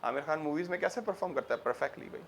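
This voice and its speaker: A male teacher delivers a grammar lecture, mixing Urdu and English. His voice sits high for a man, and he drives points home with rhetorical questions. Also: lively intonation, very fast, gravelly.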